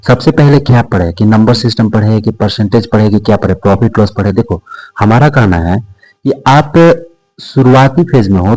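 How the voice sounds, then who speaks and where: Man, math teacher, exam-prep lesson, repeats terms, answers his own questions, mid-pitched voice. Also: mellow, poor audio.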